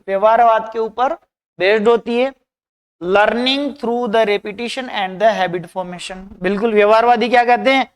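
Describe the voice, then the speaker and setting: A man teaching an exam-prep class. He reads English points slowly, then explains each one in Hindi, often adding "bhai" and reminders to keep things in mind. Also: high-pitched, clean tone. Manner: repeats "dhyan rakhiyega" and "bhai" often. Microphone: screen recording.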